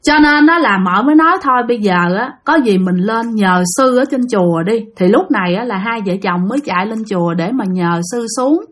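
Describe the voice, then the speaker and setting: A woman's voice: fairly high pitch, lively intonation, brisk, hardly any pauses. A woman telling a ghost story in a casual, chatty way, often speaking straight to her listeners. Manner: chatty, addresses listeners directly.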